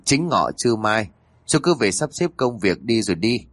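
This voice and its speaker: A man voicing a lecherous, scheming male official with a low, smug, leering drawl in a spoken story. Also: very animated, normal speed, a bit bright, no room sound.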